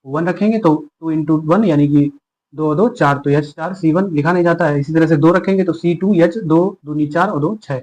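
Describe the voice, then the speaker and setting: A man's voice: fairly high pitch, moderate pace, darkish tone, slight background noise, poor audio. A man teaching a chemistry lesson. He explains patiently, asking questions and answering them himself. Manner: patient, asks and answers his own questions.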